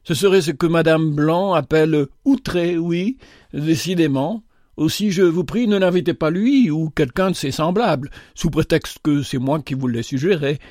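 A man's voice: a little high, moderate pace, a little mellow, no room sound, clean studio sound, close to an everyday voice. A man voicing a haughty, impatient rich young woman who talks with scorn.

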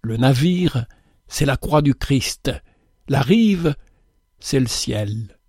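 Man reading a religious parable, solemn and measured, dry close sound. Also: mid-range voice, lively intonation, a little mellow, husky, no room sound. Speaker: reader.

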